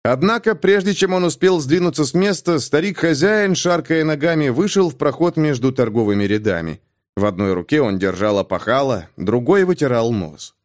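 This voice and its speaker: A man reading a thriller novel aloud as an audiobook narrator, with expressive, dramatic delivery. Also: medium pitch, normal speed. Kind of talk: scripted narration.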